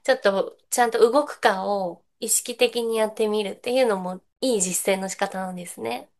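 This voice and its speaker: A woman hosting a relaxed chat, asking curious questions and reacting warmly to the answers. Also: medium pitch, moderate pace. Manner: curious, responsive, frequent soft backchannels. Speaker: host. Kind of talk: casual interview chat.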